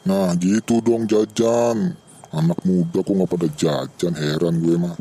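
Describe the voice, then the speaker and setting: Grumbling cartoon stall keeper, played by a man, Jakarta Betawi accent, low, very dark voice. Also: fairly even intonation, slight background noise. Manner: grumbling, slow, bossy. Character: gruff older male coffee stall keeper.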